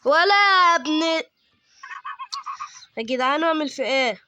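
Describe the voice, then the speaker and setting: A man's voice: very high-pitched, normal speed, pushed and bright, faint music behind. A man with an Egyptian Arabic accent doing let's-play horror game commentary, chatty with viewers and yelping at sudden frights. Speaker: gaming YouTuber.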